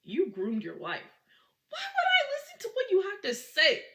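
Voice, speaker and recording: A woman voicing a skeptical young mother who gives fast, blunt, incredulous answers while retelling a story. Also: very high-pitched, wildly swooping pitch, a bit bright, reverberant, pitched above the performer's own voice, exaggerated voice. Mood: dismissive.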